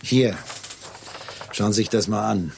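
A middle-aged actor playing a Scotland Yard chief inspector, asking probing questions in a dry, ironic way in a 1970s radio drama. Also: male voice, fairly low pitch, measured pace, creaky, darkish tone, slight background noise. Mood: wry.

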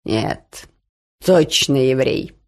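A woman reading aloud, voicing a suspicious, grumbling older uncle in a lowered, slow voice. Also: lively intonation, a little mellow, exaggerated voice. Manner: low, slow, distrustful grumbling.

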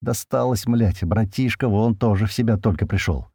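A man voicing a rough young male captive who talks in brotherly slang, in an audiobook. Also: lowish voice, normal speed, mellow, no room sound, studio quality. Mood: gentle.

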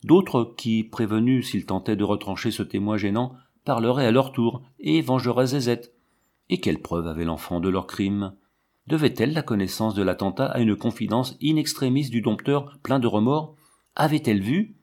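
A man narrating a classic novel as an audiobook in a dramatic, measured way. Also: medium pitch, a little mellow.

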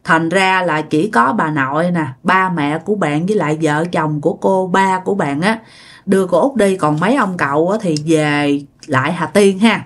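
A woman's voice: lowish voice, moderate pace. A woman narrating a ghost story in a chatty, dramatic way, talking straight to her listeners.

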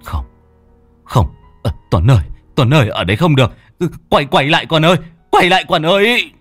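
A man voicing a gruff, hot-tempered older father who scolds loudly. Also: fairly high pitch, very animated, normal speed, dry recording, faint music behind, pitched above the performer's own voice, full character voice. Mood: panicked.

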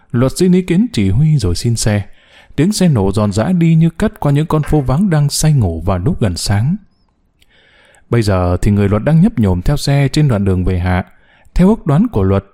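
A man narrating a novel as an audiobook, with expressive storytelling. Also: medium pitch.

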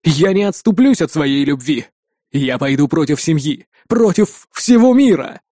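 A man's voice: on the high side, expressive, unhurried, dark tone, no room sound, clean studio sound. A man doing an overwrought curly-haired young lover. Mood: declamatory. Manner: overwrought, declamatory.

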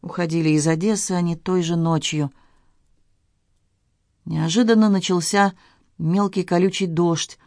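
A woman narrating an audiobook in a measured, expressive literary reading style, recorded in a studio. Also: lowish voice, no room sound.

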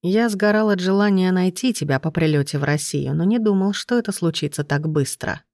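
A woman's voice: on the low side, fairly quick, darkish tone, no room sound, clean studio sound, natural voice. A woman voicing a furious, jealous young man who talks through clenched teeth.

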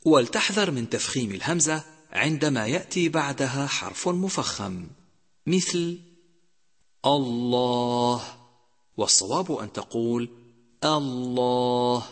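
A man teaching Quran recitation rules in a measured way, slowly drawing out each example word. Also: mid-range voice, animated, fairly bright tone, husky. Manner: measured, numbered points, slowly drawn-out example words. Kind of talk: instructional lesson. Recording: long hall reverb.

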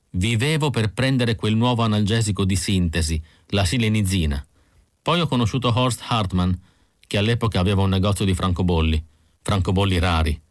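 A man's voice: on the low side, no room sound, studio quality, lightly acted. Pris, a man voicing a bitter young android woman. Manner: tense and guarded, voice trembling.

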